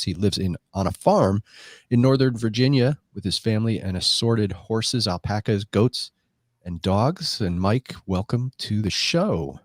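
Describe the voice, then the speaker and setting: Stuffed up from a cold, this man hosts a casual live podcast, rambling and chatting and cutting himself off mid-thought. His voice is fairly low in pitch, captured through a desk mic on a live stream with clean studio sound and no room sound at all.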